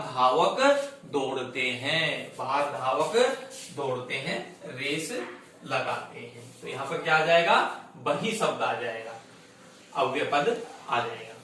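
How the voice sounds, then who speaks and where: A man's voice: medium pitch, sharp tone. A male teacher explaining an online lesson step by step, asking questions and answering them himself. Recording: echoey room, distant mic, faint noise.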